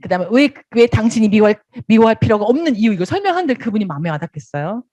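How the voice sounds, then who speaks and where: Woman doing a seminar talk, bouncy lively pitch, laughs a lot, dry close sound. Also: very fast, dry recording. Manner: acts out lively dialogues, laughs often. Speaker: business seminar speaker.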